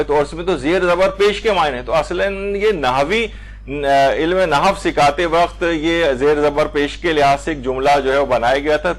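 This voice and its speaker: A man with a Pakistani Urdu accent, his voice sitting a little high for a man, teaches a religious class. He explains each point patiently and slows right down when he recites short Arabic phrases to show how the vowels change. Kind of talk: lecture on Islamic jurisprudence.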